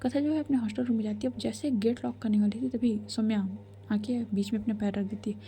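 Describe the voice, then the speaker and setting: Casual woman storyteller, soft and near-whispered, with a high, bright voice. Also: fairly even intonation, fairly quick, slight background noise.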